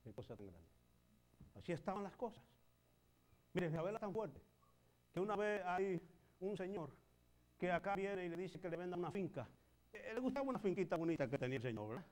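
A man preaching a sermon, swinging between loud emphatic lines and quiet asides, often checking in with his listeners. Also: high voice, brisk, pauses often. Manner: keeps checking in with the listeners with rhetorical tags.

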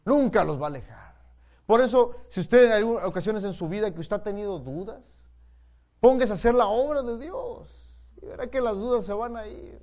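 A man's voice: high-pitched, animated, moderate pace, darkish tone. A male pastor preaching a sermon, telling stories and speaking emphatically to his congregation. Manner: storytelling, emphatic, addresses the congregation directly.

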